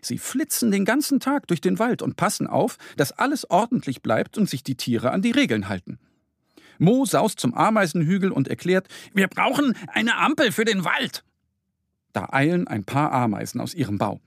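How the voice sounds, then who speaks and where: A man reading a children's story aloud in an expressive, lively scripted narration. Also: on the high side, normal speed, gravelly, breathy edge, dry recording, clean studio sound.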